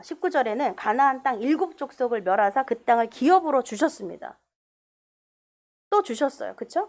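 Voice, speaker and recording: A woman pastor preaching a sermon in a church, animated, with sudden loud bursts and quiet asides. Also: a little high. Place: church sanctuary.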